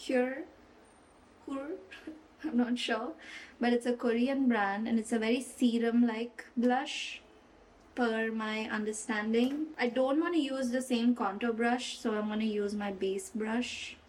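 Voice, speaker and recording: A woman's voice: fairly high pitch, fairly even intonation, measured pace, distant mic, poor audio. A young woman vlogging as she does her makeup, chatting casually and giggling, slipping into a playful fake British accent, with rain and traffic outside. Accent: playful fake British accent mixed into her own. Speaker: beauty vlogger. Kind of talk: casual get-ready-with-me makeup chat.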